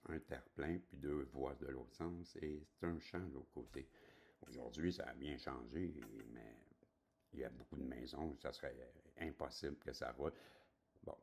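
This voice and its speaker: Very deep, gravelly Québécois man. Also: darkish tone. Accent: Québécois French. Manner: rambling, chatty, asks viewers if they follow. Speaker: spiritual channel host. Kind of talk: personal storytelling monologue.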